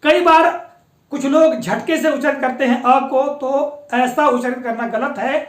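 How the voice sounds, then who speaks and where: A woman teaching a patient, explanatory lesson, often pausing to check that her students follow along. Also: high voice. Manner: patient, explanatory, often repeats a confirming filler. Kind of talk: classroom-style lecture on pronunciation. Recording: echoey room.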